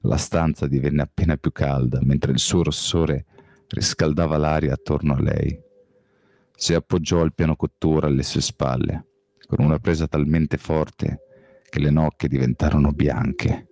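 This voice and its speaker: A man reading a novel aloud as an audiobook, in first-person narration with a measured, calm delivery. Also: a bass voice, creaky, dry recording, clean studio sound. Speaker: audiobook reader.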